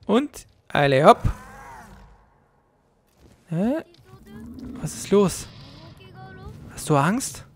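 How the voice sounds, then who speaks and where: A let's play commentator talks through a puzzle live. Their voice turns soft and soothing when coaxing the companion creature. Between prompts they wonder aloud what to do next, with mild, muttered frustration. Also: mid-range voice, lively intonation, slow pace, long pauses, slight background noise.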